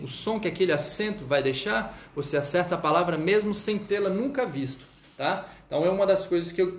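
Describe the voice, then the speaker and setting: A Brazilian man teaching French in a casual live stream, chatting with viewers and checking in often as he goes. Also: on the high side. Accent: Brazilian Portuguese. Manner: chatty, reads out viewer comments, frequent "tá?" check-ins. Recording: echoey room.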